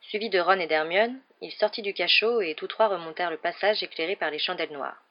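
Woman calmly reading a storybook aloud. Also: on the low side, fairly quick. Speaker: storybook reader. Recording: dull lo-fi recording.

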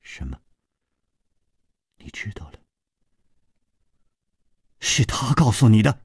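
A man's voice: on the low side, very animated, normal speed, a little mellow, no echo, clean studio sound. A male storyteller voicing a haughty, vicious palace disciple in a cold, sneering manner. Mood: menacing.

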